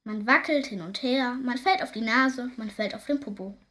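A woman reading a children's story aloud in a lively, expressive way. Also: fairly high pitch, moderate pace.

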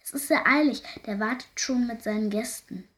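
A woman voicing a hurried, breathless young farmhand in a told folk tale. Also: fairly high pitch, fairly bright tone, lightly acted. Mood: urgent.

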